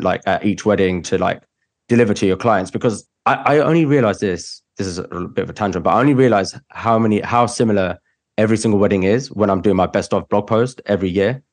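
A young wedding photographer hosts a podcast, chatting casually in a lowish voice at a quick pace. He rambles and says "like" a lot.

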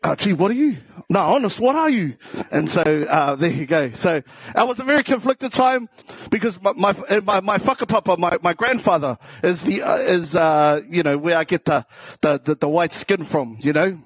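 A comedian with a South Auckland New Zealand accent shares casual stories on stage, slangy and self-deprecating. His husky voice sits high and sounds animated at a moderate pace, captured in a dry recording.

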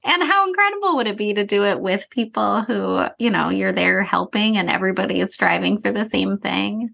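Husky, gravelly woman podcast host. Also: medium pitch, expressive, a little fast. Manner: warm, affirming interviewer. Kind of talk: interview.

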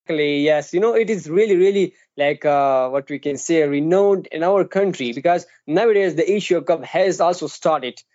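A young man with a slightly high voice talks as a podcast guest, stopping often to hunt for words. The recording is dull and dry, with no room at all. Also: moderate pace, hardly any pauses, mellow, no echo. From Pakistan. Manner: hesitant, frequent fillers and restarts. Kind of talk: casual self-introduction.

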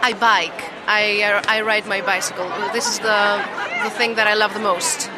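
A woman from Greece, a jazz singer, giving quick, friendly answers at an event. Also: mid-range voice, level tone, crowd noise. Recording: crowded, noisy event hall.

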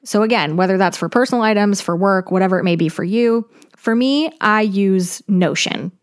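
A woman's voice: mid-range voice, moderate pace. A young woman with a mid-range voice gives casual advice on her own. She sounds upbeat and practical, like a tidy organiser passing on tips. Her phrasing is chatty and informal, as a podcast host talking straight to listeners. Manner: informal, peppered with "like". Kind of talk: casual solo advice monologue.

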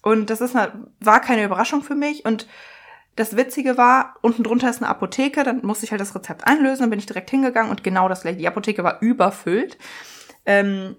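A woman podcast host and coach telling an everyday story in a chatty, lively way, acting out other people's lines and mixing English words into her speech. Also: fairly high pitch, fairly quick. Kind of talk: casual storytelling monologue.

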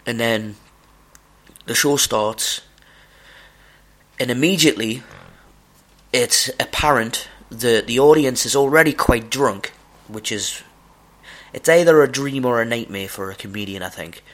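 A man's voice: mid-range voice, unhurried, long pauses, fairly bright tone. A man with a broad Scottish accent hosting a podcast solo, rambling casually, with a sweary, self-deprecating manner. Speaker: podcast host.

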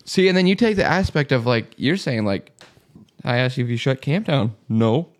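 A man's voice: medium pitch, normal speed. A man hosting a podcast, talking casually and telling stories with plenty of swearing. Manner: profane, animated storyteller. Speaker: podcast host. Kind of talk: casual chat. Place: lives in South Dakota.

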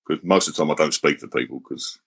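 A man from with a deep, resonant bass voice, chatting casually and laughing easily as an interview guest. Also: quick pace, creaky, fairly bright tone, slightly rough. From London. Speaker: guest singer.

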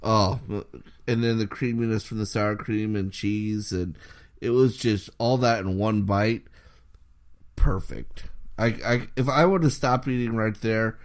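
A man's voice: fairly low pitch, a little slow. A man co-hosting a casual food-review chat, enthusiastic and rambling. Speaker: podcast co-host.

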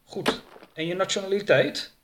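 Man voicing a raised-pitch young male sidekick, eager and deferential, storybook. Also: steady tone, noisy background, natural voice. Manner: dutiful, quick to obey. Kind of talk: audiobook character voice.

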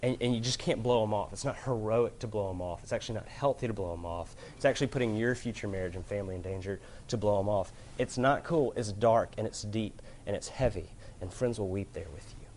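A man with a fairly low voice delivers an earnest sermon to a room full of people. He leans into loud emphasis, then drops to quiet, grave tones, and a faint hum of room noise sits under his voice. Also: brisk, hardly any pauses. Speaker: preacher. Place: room with an audience.

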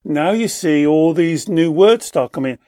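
Male therapist, fairly high voice, explains in conversation, animated storyteller who acts out voices. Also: unhurried.

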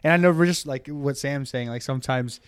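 Casting: casual animated man, chatty storyteller, dry close sound. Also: mid-range voice, a little fast, clear, resonant tone, dry recording. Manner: animated, many fillers and restarts, lively quoting.

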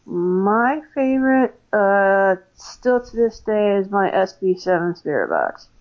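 An American woman chats through her stories as an interview guest, filling her talk with ums and false starts. Her voice sits at an ordinary middle pitch. The recording is somewhat dull and lo-fi. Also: big pitch swings, slow. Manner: chatty, many fillers and restarts. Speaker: paranormal investigator guest. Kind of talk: casual interview storytelling.

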